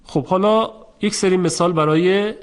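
Patient, slightly high-voiced male teacher. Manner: patient, methodical explaining with slow drawn-out example sounds. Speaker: Quran recitation teacher. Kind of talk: instructional lesson.

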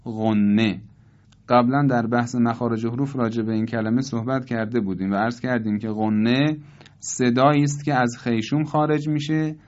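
Man teaching Quran recitation rules, deliberate. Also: mid-range voice, darkish tone, lo-fi sound. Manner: slow, deliberate, repeats each example slowly. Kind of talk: tajweed lesson with recited examples.

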